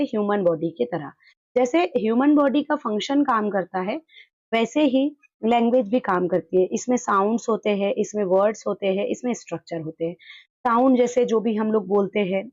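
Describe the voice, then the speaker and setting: Higher-voiced woman teaching exam prep. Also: darkish tone, no echo, highs cut off. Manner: explains in Hindi and reads English definitions slowly.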